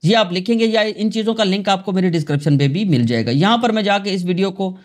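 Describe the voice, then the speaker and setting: A man from Pakistan hosting a screen-recorded software tutorial, talking chattily to his viewers. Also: sits high, lively intonation. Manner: chatty, addresses viewers as "janab" and "dosto". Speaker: tutorial host.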